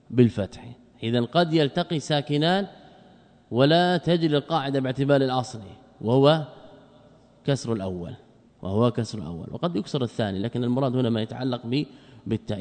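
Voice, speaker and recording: A male scholar giving a classical grammar lecture, asking rhetorical questions and answering them himself, and repeating key words slowly for emphasis. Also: medium pitch, a little mellow. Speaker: Islamic scholar teaching grammar. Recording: long hall reverb.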